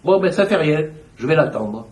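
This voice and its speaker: A stubborn old lady refuses to budge, insisting in a higher, fussy voice, as a man voices her in his reading. She sounds confused but firm. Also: lively intonation, moderate pace, background noise, natural voice.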